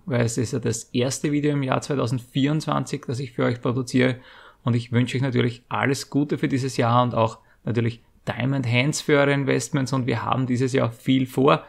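Deep-voiced man, slightly gravelly. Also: steady tone, moderate pace. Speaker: YouTube channel host. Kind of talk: scripted giveaway announcement to viewers.

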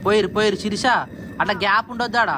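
A man's voice: high-pitched, steady tone. A man talking casually while working at home in a village and telling others what to do. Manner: directing others, brisk. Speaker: vlogger. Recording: loud background noise.

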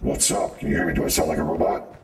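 A man's voice: rumbling low, fast, echoey room, distant mic, background noise, voice pushed down. A man talking through a robot voice changer in game voice chat, asking if he sounds like a robot. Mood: teasing.

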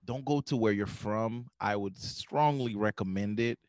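Podcast co-host, man raised in Haiti, lowish voice, dry close recording, earnest and halting. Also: dry recording. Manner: earnest, recommending with many fillers and restarts. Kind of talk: casual podcast chat.

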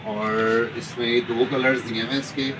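A man running a bag shop, pitching products and prices, mixing in English numbers. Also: level tone, moderate pace. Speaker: shopkeeper. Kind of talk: sales pitch. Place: busy bag shop in a mall. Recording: noisy shop floor. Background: shop ambience.

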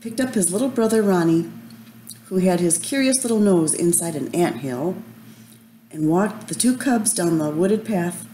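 A woman gently reading a children's storybook, calm and measured. Her voice is mellow and soft-edged, with a faint hiss of ambience underneath. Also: on the low side, low-quality recording.

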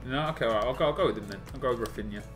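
A man's voice: medium pitch, rapid-fire, a bit bright, faint music behind. A man in his twenties chatting casually as a guest on a gaming video. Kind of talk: casual chat. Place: small room at home.

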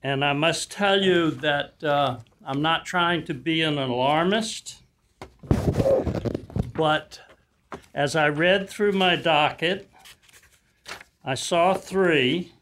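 An older man addressing a council as a resident, in a measured, deliberate and courteous public comment. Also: on the high side, a bit bright, slight background noise. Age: 60s or older. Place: large council chamber, indoors. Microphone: podium gooseneck microphone.

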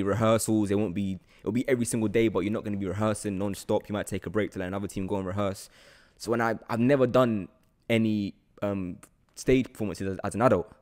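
A young adult man with a London accent hosts an interview podcast, chatting casually close to a boom-arm podcast mic in a small indoor room. His voice sits on the low side with a darkish tone.

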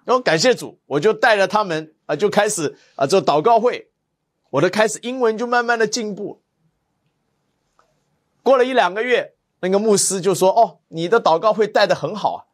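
Man, pastor, devotional sermon, anecdotes with quoted dialogue, higher voice. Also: normal speed. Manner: storytelling, lively quoted dialogue.

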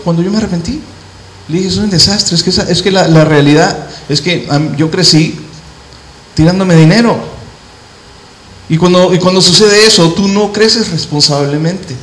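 A male pastor preaching a sermon, quoting scripture and telling personal stories, slowing down and speeding up as he goes. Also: high voice, fairly bright tone. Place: church hall. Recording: echoey church hall.

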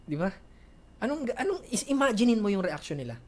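A man's voice: sits high, sing-song, fairly quick, a little mellow. A man giving casual, chatty coaching advice to viewers in a Q&A, mixing in English phrases and laughing often. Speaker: networking coach hosting a Q&A.

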